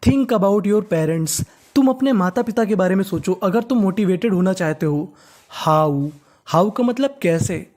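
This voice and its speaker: An adult teacher, giving a step-by-step lesson, spelling words letter by letter and repeating them slowly. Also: medium pitch, a little mellow. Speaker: English teacher.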